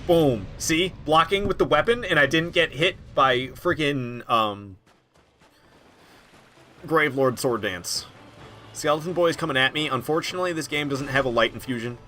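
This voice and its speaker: Bright-voiced chatty male game streamer. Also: fairly high pitch, moderate pace. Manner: chatty, rambling, laughs often, talks to chat. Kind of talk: casual live-stream commentary.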